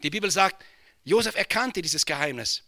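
A male pastor delivers a sermon in a high, piercing, very bright voice. He drops to hushed, near-whispered passages and then rises into loud impassioned cries, slipping English exclamations in along the way. The recording is close and dry, with no room sound. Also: animated, moderate pace, no room sound.

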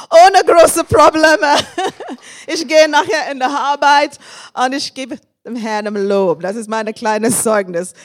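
A woman in her fifties from England, with an English accent on her second language, preaching as a guest and sharing personal testimony with laughs and shouts of praise. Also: on the high side. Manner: warm and thankful, with frequent laughs and praise shouts.

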